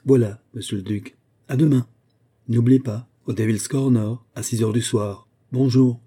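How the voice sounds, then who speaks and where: A man reading a storybook voices a suave, ironic gentleman thief who is coolly polite and menacing. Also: mid-range voice, fairly even intonation, a little slow, husky. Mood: ironic menace.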